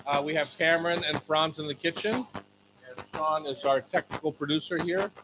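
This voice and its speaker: A man hosting a live radio show from a kitchen before an audience, chatting and joking in a relaxed way. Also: fairly high pitch, normal speed, background noise.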